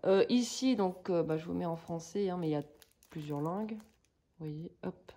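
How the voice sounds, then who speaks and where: A woman's voice: lowish voice, normal speed, dark tone. A woman vlogger chatting casually through a craft kit unboxing, hesitant and searching for words with many fillers.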